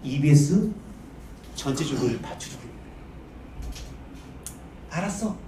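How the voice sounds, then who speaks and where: Brisk, high-voiced male teacher lecturing. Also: expressive, dark tone, a little hiss or hum. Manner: brisk, full of rhetorical questions; blunt and informal, addressing students directly. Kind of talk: lecture to students. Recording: echoey room, mic far off.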